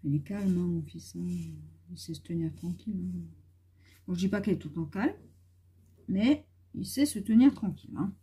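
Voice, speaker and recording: A woman's voice: lowish voice, fairly quick, mellow, husky. A woman with a young son chatting casually and rambling with many fillers while she colors at home. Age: adult with a young son. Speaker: YouTuber coloring on camera. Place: at home indoors.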